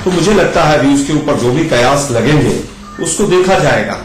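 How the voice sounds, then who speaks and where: A man's voice: on the high side, lively intonation, music in the background. Man on a cave-echo remote feed. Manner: measured, critical debating. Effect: heavy cave-like echo on his feed. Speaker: opposition party spokesperson. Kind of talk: TV panel debate. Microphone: remote connection into studio. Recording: echoey remote line.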